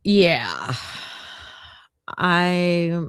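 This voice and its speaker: Slow, halting woman livestream host. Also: lowish voice, very animated, clear, resonant tone, dry recording, clean studio sound. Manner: halting, many fillers, laughs often. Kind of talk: casual livestream case discussion.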